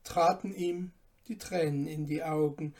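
Slow, calm woman reading a fairy tale. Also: deep voice. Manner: calm, measured storytelling. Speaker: narrator. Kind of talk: storybook reading.

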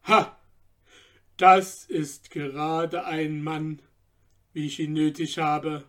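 Man reading a sly slave, persuasive, slow and measured, storybook fairy tale. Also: on the high side, little pitch movement, fairly bright tone. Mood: coaxing. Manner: coaxing, persuasive. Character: sly male slave on an errand.

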